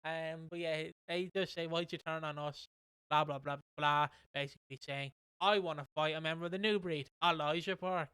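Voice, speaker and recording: A man's voice: a little high, steady tone, moderate pace, bright, forceful tone, clear, resonant tone, no echo. A man hosting a casual podcast, rambling along with lots of fillers and restarts. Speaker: podcast host.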